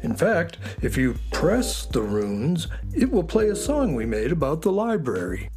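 A man voicing a friendly, excitable space horse who looks after sounds, folksy and enthusiastic, in a children's audio story. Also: a little high, unhurried, soft background music, heavily acted. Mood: proud, explaining.

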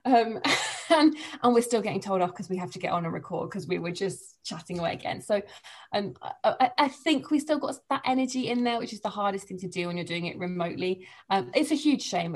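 An English woman, a sports presenter, chatting casually on a podcast from home with quick laughs. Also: medium pitch. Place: living room at home.

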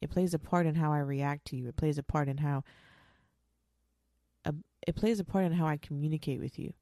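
A young mother in her twenties talks bluntly and with force, dropping curses to make her point. Her voice sits low and mellow, with a gravelly edge. The sound is dry and close, with no room behind it. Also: dry recording. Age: 20s. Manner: blunt, emphatic, swears freely. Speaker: mother talking about her show. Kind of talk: candid monologue.

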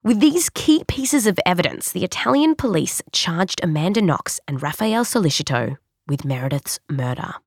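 A woman's voice: lowish voice, dry recording, clean studio sound. A woman with an Australian accent narrating a scripted science documentary in a conversational storytelling way, leaning on key words. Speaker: host and narrator.

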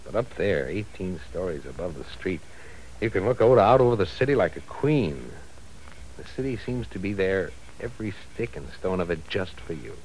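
On an old radio recording with a faint hiss, a man plays an ambitious young husband in a 1940s drama, speaking tenderly and coaxingly to his wife and dropping to a whisper. His low voice has a sing-song lilt, a moderate pace and a slightly mellow quality, and the recording is rough.

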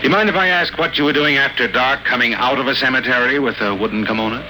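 A man's voice: mid-range voice, fast, a little hiss or hum, rough recording. An actor playing a cocky, hard-boiled male private detective in a 1950s radio drama, narrating and trading wisecracks. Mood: wry. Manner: wisecracking tough-guy banter. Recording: old radio broadcast with loud music.

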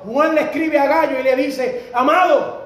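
Fervent high-voiced male preacher. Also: steady tone, moderate pace. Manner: fervent, rising to shouts on key phrases. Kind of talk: sermon. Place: church sanctuary. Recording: very echoey church hall.

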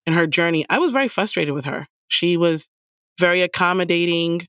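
A woman talks about a novel with friends, slipping into the characters' voices as she retells scenes. Her voice is dry and close, with no room sound. It is casual, expressive discussion. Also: fairly low pitch, fairly quick, dry recording, lo-fi sound. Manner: animated, acts out characters' lines while retelling. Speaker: book club member.

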